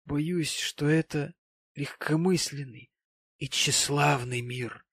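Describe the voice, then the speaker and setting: A man voicing a tipsy, tearful, sanctimonious widowed gentleman, talking in a maudlin, slurred, pompous way in an audiobook. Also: on the high side, slow, no room sound, pitched above the performer's own voice.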